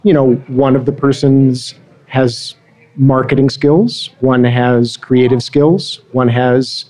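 A man's voice: mid-range voice, fairly even intonation, slow, mellow. A man answering interview questions as a guest, friendly and explanatory, often restarting his sentences. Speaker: guest, marketing director.

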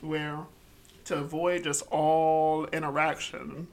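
A woman co-hosting a casual podcast chat, talking in a low-key, self-conscious way. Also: flat delivery, slow pace. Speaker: podcast co-host. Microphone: studio microphone.

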